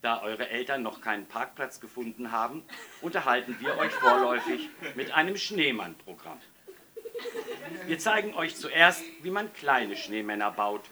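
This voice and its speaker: A man's voice: mid-range voice, expressive, normal speed, a crowd in the background, natural voice. A man voicing a fat, cheerful male snowman presenting a children's TV show in a chatty announcer tone. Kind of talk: storybook reading.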